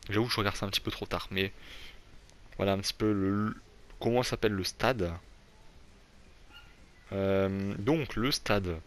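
A young gaming YouTuber gives loose, rambling commentary on a football manager game, full of fillers and false starts. His voice is on the low side with a fairly bright tone, and he pokes fun at his own English accent.

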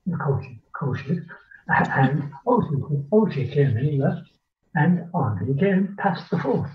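Lilting older Irish storyteller on a tinny call. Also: male voice, on the high side, sing-song. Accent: rural west of Ireland. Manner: lilting, rambling Irish storyteller with repetitions and pauses. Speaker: folklorist and storyteller. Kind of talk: oral folk storytelling in casual speech. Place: small dim room at home, indoors. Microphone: computer mic on a video call. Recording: muffled, phone-like video call audio.

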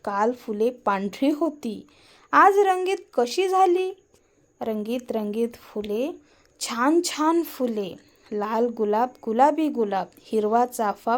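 A woman storyteller reads a children's tale in a gentle, sing-song way, her voice sitting a little high. She takes it unhurriedly, letting each short phrase land before the next.

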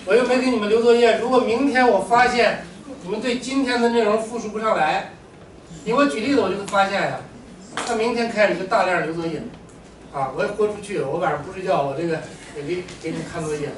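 A man teaching a classroom language lesson, joking and animated with his students. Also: high-pitched, fast talker. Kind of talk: classroom lecture. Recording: echoey room, mic far off, faint room noise.

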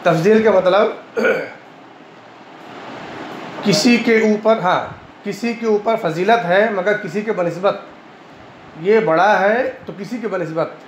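A man teaching Arabic grammar in Hindi-Urdu with an Indian Urdu accent, a classroom lecture where he repeats each point and keeps checking in with "है ना", now and then clearing his throat. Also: high-pitched. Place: madrasa classroom. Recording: echoey room, dull lo-fi sound, faint hiss.

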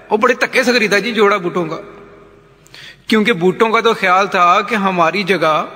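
A male actor with a Punjabi accent plays a jovial, shameless, blind village politician in a satirical comedy sketch, speaking in a folksy, teasing way peppered with interjections. His voice sits high and has a sharp tone. A long hall reverb hangs over the recording.

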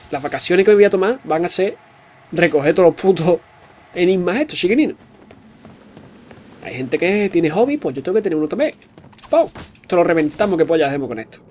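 A man giving jokey let's-play commentary, excitable and swearing often. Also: high voice. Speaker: gamer.

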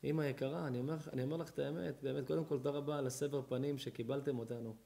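A male rabbi giving an impassioned sermon, moving from quiet, low murmurs to high, shouted outbursts, with many repetitions and dramatic pauses. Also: fairly even intonation, creaky. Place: home event hall at a bar mitzvah.

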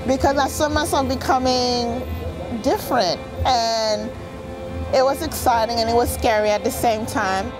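A woman in her forties, a performance artist and native Haitian Creole speaker, talks earnestly and reflectively in a documentary interview on a city sidewalk, gesturing with her hands. Her voice is on the high side and her pace measured. The recording is rough, with a music bed underneath.

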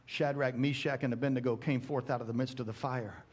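A middle-aged man pastor preaching a sermon on a large church stage through a headset mic, with emphatic rising calls and slow, drawn-out scripture readings. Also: medium pitch, fairly even intonation, a little mellow. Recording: church sermon with music behind.

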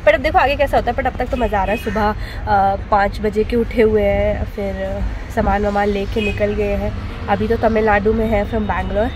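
A woman's voice: mid-range voice, fairly even intonation, normal speed, noisy background. A young woman chatting through a road-trip travel vlog from cars and restaurants, mixing English phrases into her talk while nursing a sore throat. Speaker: travel vlogger.

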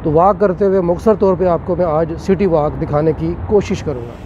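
As he walks city streets at night, a middle-aged Pakistani travel vlogger calls out the sights to his viewers, whom he calls "nazreen," describing them leisurely. His slightly high voice is brisk and comes through a handheld phone with the highs cut off. Steady traffic rumbles clearly behind him.

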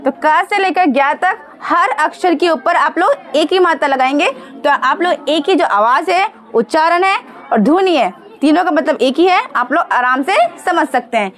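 A woman teaching a Hindi lesson to young children, patiently sounding out syllables slowly and asking the children questions. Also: sits high, lively intonation, a bit bright.

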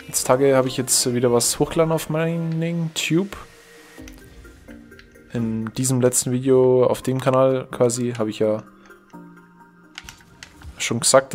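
A young German man makes gaming YouTube videos, chatting casually over his gameplay in a medium-pitched voice. He rambles, corrects himself and reacts loudly to what happens in the game.

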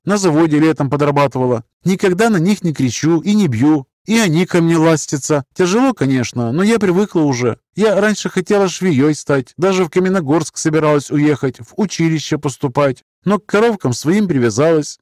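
A man's voice: a little high, darkish tone, no room sound, clean studio sound, pitched above the performer's own voice, close to an everyday voice. A man voicing a young village milkmaid girl who talks earnestly and at length. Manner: earnest, chatty.

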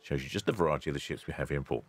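A man, hosting a ship-spotting channel in a relaxed, chatty voice-over with dry asides. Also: rumbling low, racing. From England. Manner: chatty, dry asides, loud cheery greetings.

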